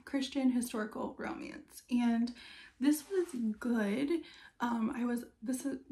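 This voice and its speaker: A woman talks through a book review in a casual, chatty way. Her voice sits a bit high and has a heavy creak to it. She sounds conversational and informal, like a host talking straight to her viewers. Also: warm tone. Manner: chatty and conversational, with frequent "like" and trailing asides.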